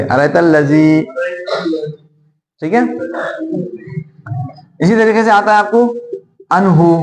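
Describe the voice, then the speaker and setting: High-voiced man teaching Quran recitation. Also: darkish tone, echoey room, rough recording. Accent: Indian Hindustani. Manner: drills pronunciation, quizzing students and repeating words slowly. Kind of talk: classroom Quran recitation lesson.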